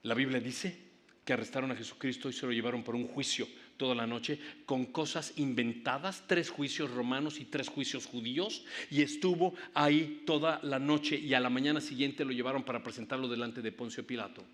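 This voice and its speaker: A man's voice: mid-range voice, steady tone, normal speed, a bit bright. Dramatic male pastor in a reverberant church. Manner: vivid dramatic storytelling with sound effects. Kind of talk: Good Friday sermon. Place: church sanctuary.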